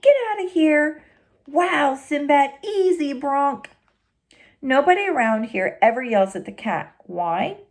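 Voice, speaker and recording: Woman teacher reading a story aloud. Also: fairly high pitch. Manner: expressive, stops to explain words. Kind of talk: reading a children's novel aloud.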